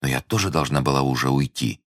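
Male narrator playing a fearful, secretive young woman: hushed, hesitant, quiet, dry booth. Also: a bass voice, fast talker, no echo. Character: young woman, anxious secretive lady in danger.

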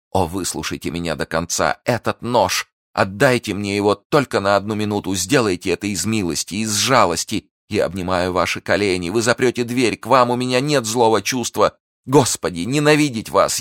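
A man voicing a scheming noblewoman prisoner in an audiobook, pleading and exclamatory, pitched up from his own voice. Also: no echo, clean studio sound, lightly acted. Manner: pleading, exclamatory, high and breathless. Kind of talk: audiobook character voice.

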